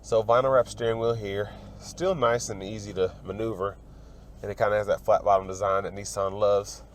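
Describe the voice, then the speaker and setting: A young man with a slightly low voice talks through a car review while getting over a cold. His delivery is relaxed and matter-of-fact as he points out one feature after another. Faint outdoor noise sits behind him. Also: normal speed. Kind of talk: walkaround car review narration. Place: in and around a parked car outdoors.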